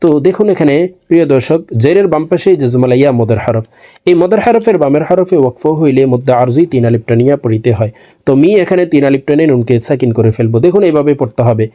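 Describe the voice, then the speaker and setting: Man teaching slow Quran spelling. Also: mid-range voice, lively intonation, dark tone, highs cut off. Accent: Bangladeshi Bengali. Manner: patient, repeats each syllable for learners to copy. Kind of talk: spelling-out Quran lesson, slow drawn-out recitation.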